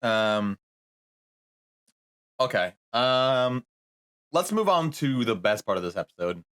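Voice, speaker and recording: A man's voice: medium pitch, animated, slow pace, a bit bright. A man hosting a podcast in casual chat, hesitant with many fillers as he moves the talk along. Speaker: podcast host.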